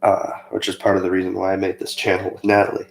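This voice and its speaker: A young man telling a personal story in a casual, chatty way, rambling with fillers and turning animated when he quotes himself. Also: low-pitched, racing, gravelly. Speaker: co-host of a faith channel. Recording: echoey room.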